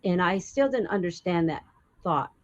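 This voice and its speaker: Interview guest, woman, lower voice, reflective storyteller with many pauses; dull lo-fi sound. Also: expressive. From American Southwest. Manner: unhurried, reflective, many fillers.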